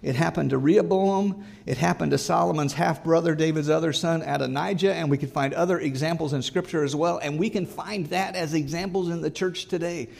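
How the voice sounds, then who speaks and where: A man's voice: fairly high pitch, fairly quick, creaky, few pauses, a little mellow. A male pastor preaching a sermon, earnest and emphatic, repeating his exhortations.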